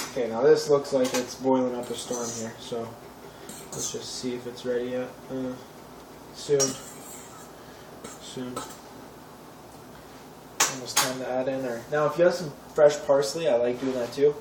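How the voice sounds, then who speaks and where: A young man hosting a home cooking tutorial, chatty and offhand with wry asides. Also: medium pitch. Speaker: cooking show host. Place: home kitchen. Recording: echoey kitchen, distant camera mic, noisy. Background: clattering pots and cutlery.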